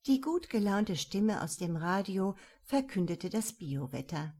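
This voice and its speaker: Woman audiobook narrator, calm and measured, unhurried scripted reading. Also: medium pitch.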